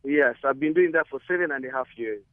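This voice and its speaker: A man from Zambia, calling in to a radio show. He speaks earnestly and with a measured pace, with hesitant fillers. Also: medium pitch, no echo. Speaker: caller. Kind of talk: call-in phone conversation. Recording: dull lo-fi phone line.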